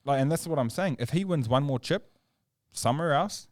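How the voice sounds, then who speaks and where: This New Zealand podcast co-host argues his opinions emphatically on a casual sports show, his energy rising as he pushes each point hard. His voice is a little high, expressive and fairly quick, captured in a dry, studio-quality recording.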